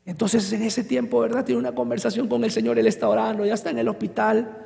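A man's voice: high voice, quick pace, vocal fry, a little mellow, in a large hall. A male pastor, preaching and telling a story animatedly, calling listeners brother. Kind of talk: sermon with storytelling. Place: church.

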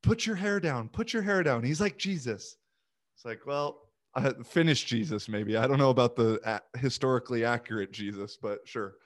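A man who coaches youth sports and is learning a language chats casually and informally at a moderate pace, his mid-range voice sprinkled with fillers like "like" and "you know."

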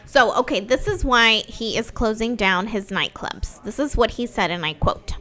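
A bubbly woman co-host chatting casually about homes and celebrity news. Her voice sits a bit high and has a bright, forward tone. She talks in an emphatic, excited way. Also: moderate pace. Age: adult mother. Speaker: co-host of a real estate news show. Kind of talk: casual chat.

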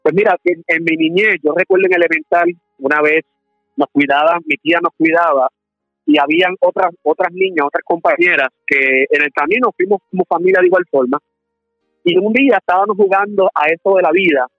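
A man's voice: high voice, fairly quick, dry recording, faint music behind. A Puerto Rican man in his thirties, a preacher calling in by phone, telling stories in a friendly way and laughing often. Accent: Puerto Rican Spanish. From Puerto Rico. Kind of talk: phone interview testimony. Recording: muffled phone line, dry.

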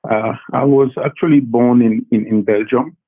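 A man who grew up in Congo answers students' questions in a halting way, full of fillers and repeated words. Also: medium pitch, steady tone. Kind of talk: casual interview answers. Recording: tinny phone-like line.

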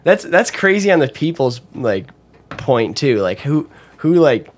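A man's voice: on the high side, sing-song, a little slow. A man hosting a podcast, chatting casually with a guest, mostly giving short reactions, asking questions, and laughing easily. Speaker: podcast host. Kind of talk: casual chat.

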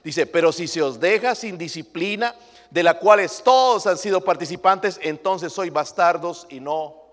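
A man's voice: high voice, moderate pace. Emphatic male pastor preaching in a reverberant hall. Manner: emphatic preaching with rhetorical questions to the congregation. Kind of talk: sermon.

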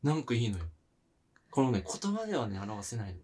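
A man casually chatting as a podcast co-host, telling rambling stories and laughing often, saying he feels low-energy today. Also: sing-song, fairly quick, dark tone, breathy edge. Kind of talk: casual chat.

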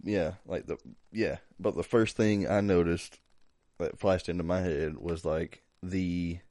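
A man's voice: sits low, fairly even intonation, unhurried, warm tone, no echo, studio quality. A young man co-hosting a podcast in casual chat, laid-back, joking crudely. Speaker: podcast co-host.

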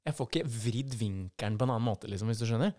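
A man's voice: medium pitch, mellow, dry recording, studio quality. A Norwegian man co-hosting a podcast, telling a personal story in a casual, vivid way and acting out the voices of people in it. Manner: vivid, acts out quoted voices in his story. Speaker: podcast co-host.

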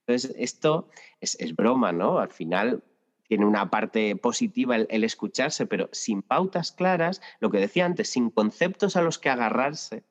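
A man's voice: mid-range voice, lively intonation, moderate pace. A man explaining his language-teaching experience in a podcast interview, thoughtful and full of anecdotes with many restarts. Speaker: Spanish teacher guest. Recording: lo-fi with long reverb.

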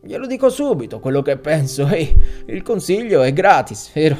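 A man's voice: fairly high pitch, sing-song, normal speed, a little mellow, soft background music. A man voicing a chatty, folksy street florist who banters like a salesman. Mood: jovial. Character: chatty middle-aged male street florist.

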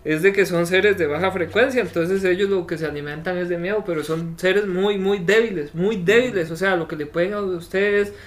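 Young man, Costa Rican accent, high voice, earnest explainer, casual chat. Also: normal speed, few pauses. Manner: earnest, explanatory about esoteric beliefs. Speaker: podcast co-host.

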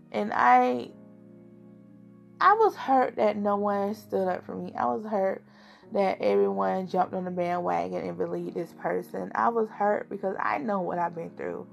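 A woman's voice: mid-range voice, creaky. A young adult woman vlogging, telling her personal story in an earnest, confiding way and addressing her viewers directly.

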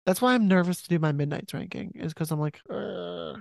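Young female co-host, deep-toned, deadpan and sleepy, close dry mic. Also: fast, no echo. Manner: dry, blunt, sleepy and yawning. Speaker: podcast co-host. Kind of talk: casual chat about music.

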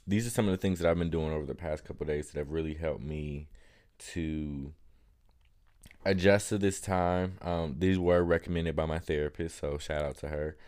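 A man's voice: extremely low pitch, darkish tone. A man talking straight to camera in a casual, reflective vlog, thinking aloud with many ums and restarts. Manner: thoughtful, rambling with fillers and restarts. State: has hiccups. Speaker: vlogger.

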